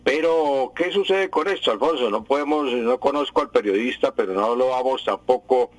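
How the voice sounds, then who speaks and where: A man's voice: medium pitch, moderate pace, no echo, low-quality recording. A man explaining correct word usage on a radio show, patient and repetitive, often correcting himself. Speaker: language expert on a radio news show. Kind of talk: radio language advice segment.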